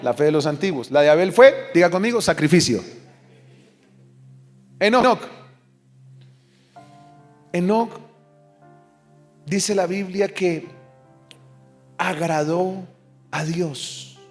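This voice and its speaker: Emphatic pastor preaching. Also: male voice, high voice. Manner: emphatic, animated preaching with call-and-response. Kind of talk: sermon. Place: church service.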